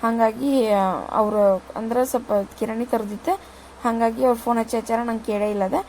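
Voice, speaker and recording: A woman's voice: a little high, fairly even intonation, normal speed, darkish tone, slight background noise, rough recording. Chatty woman cooking at home. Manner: chatty, rambling, addresses viewers with "ri". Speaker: vlogger. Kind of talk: casual cooking narration. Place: home kitchen.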